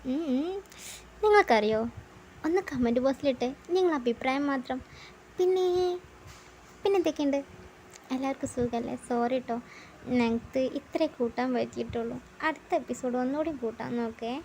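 A woman's voice: high voice, a little fast, pauses often, a little mellow, slight background noise. A woman hosting her channel, chatting in a friendly, apologetic way as she signs off to viewers. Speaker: channel host. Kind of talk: casual sign-off to viewers.

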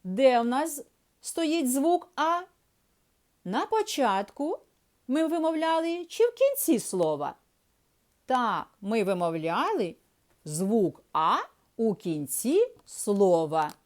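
A woman gives a reading lesson to small children in a patient, sing-song voice. Her pitch sits a little high and rises and falls widely. She speaks slowly and carefully. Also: big pitch swings, darkish tone. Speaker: preschool teacher. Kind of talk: early-years reading lesson.

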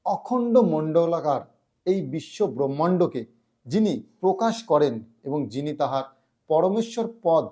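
A man's voice: fairly high pitch, lively intonation, mellow. Man teaching careful mantra pronunciation. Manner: slow, drawn-out syllable-by-syllable pronunciation; chants lines in a melodic tune. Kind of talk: explanatory lesson.

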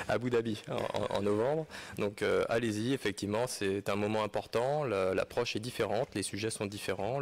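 A man's voice: lowish voice, vocal fry. A man moderating a conference, closing with hesitant remarks full of fillers and then reading a speech aloud, with a French accent. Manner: hesitant, many fillers and restarts.

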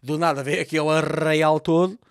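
A Portuguese man with a Lisbon accent, a comedian recapping a TV series with crude, sarcastic and animated commentary, acting out the characters. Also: a little high, moderate pace, vocal fry, a little hiss or hum. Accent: European Portuguese, Lisbon. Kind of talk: comic commentary.

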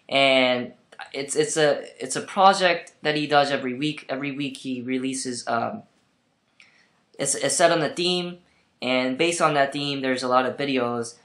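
A man's voice: mid-range voice, a bit bright. A young man from South Korea talking casually to his laptop camera in a small room, chatty and rambling with many restarts and fillers. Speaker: vlogger. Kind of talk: casual webcam monologue. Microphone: laptop built-in camera mic.

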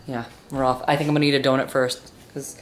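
A woman's voice: extremely low pitch, little pitch movement, fast talker. A woman in her thirties chatting casually into a handheld camera, rambling in a self-mocking way. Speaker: vlogger. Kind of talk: casual vlog chat. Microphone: camera held at arm's length. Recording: noisy handheld camera audio.

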